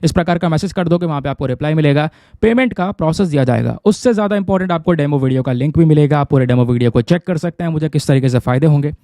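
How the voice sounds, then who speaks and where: A man's voice: fairly high pitch, dark tone, no room sound. A man teaching current affairs to exam students in a chatty way, often checking with his viewers. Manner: conversational, keeps checking with listeners. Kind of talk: explaining news to exam students.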